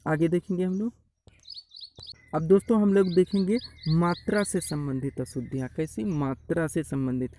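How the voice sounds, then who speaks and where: A man's voice: a little high, normal speed, warm tone, a little hiss or hum, poor audio. Man lecturing on Hindi spelling. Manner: repeats corrections, addresses viewers as friends. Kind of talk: online exam-prep lecture.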